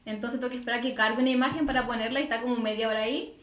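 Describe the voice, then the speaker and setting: A teenage girl with a Chilean accent rambles quickly through her stories. Her voice is slightly high and sounds echoey, as if the room is bare. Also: steady tone, a bit bright. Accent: Chilean Spanish. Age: teens. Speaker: online shop owner. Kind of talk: casual chat. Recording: roomy echo.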